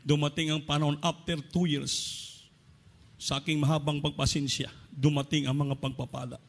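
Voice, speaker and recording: A man with a Filipino accent preaching a sermon, telling a personal testimony with lively acted-out quotes. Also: on the high side, normal speed, vocal fry. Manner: animated storytelling with acted quotes.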